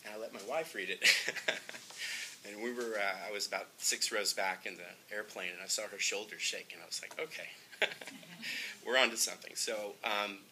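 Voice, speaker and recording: A man, a film director, telling in an interview how his film came together, earnest and often pausing with ums. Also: on the low side, fairly even intonation, sharp tone, slight background noise, poor audio. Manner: earnest, gets emotional, frequent ums and uhs. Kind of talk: interview, storytelling.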